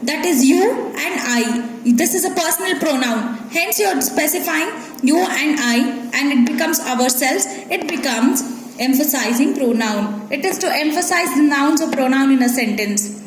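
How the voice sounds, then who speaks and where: A woman with an Indian English accent teaching a grammar lesson to schoolchildren, explaining step by step and often checking "Clear?". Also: high-pitched, animated, measured pace. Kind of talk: recorded classroom grammar lesson. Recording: echoey room with faint ambient noise.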